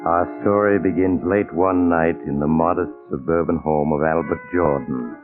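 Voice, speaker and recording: The Mysterious Traveler, very deep ominous host. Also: male voice, fairly even intonation. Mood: ominous narration. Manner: measured, ominous, theatrical. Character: sinister, genial Mysterious Traveler inviting listeners into horror. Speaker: narrator and host of mystery show. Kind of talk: 1940s radio scripted narration. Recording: tinny old radio with loud music.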